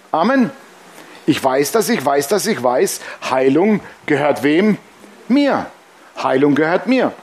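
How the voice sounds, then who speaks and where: A man's voice: fairly high pitch, slight background noise. A man preaching a sermon as pastor, emphatic and humorous, often calling out "Amen".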